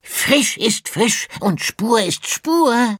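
A man voicing a cheeky female magpie sidekick in a children's audiobook, squeaky and fond of repeating words. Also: animated, extremely slow, a bit bright, breathy edge, no room sound, studio quality, heavily acted. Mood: excited. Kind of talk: audiobook character voice.

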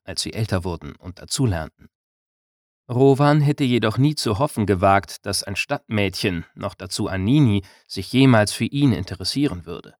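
A man narrating a German-language novel as an audiobook in a calm, measured way. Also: lowish voice, no echo, clean studio sound.

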